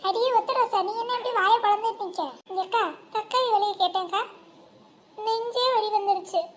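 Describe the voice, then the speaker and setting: Cartoon village housewife acted by a woman: gossipy, crafty, extremely high voice, rural Tamil Nadu accent, faint ambient noise. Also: fairly even intonation, brisk. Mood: chatty. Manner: colloquial, exclamatory.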